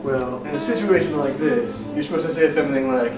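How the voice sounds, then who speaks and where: A man's voice: medium pitch, fairly quick, lightly acted. A young man playing a cocky clueless private eye. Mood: smug. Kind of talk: amateur comedy film acting. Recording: roomy, from a distance, with music.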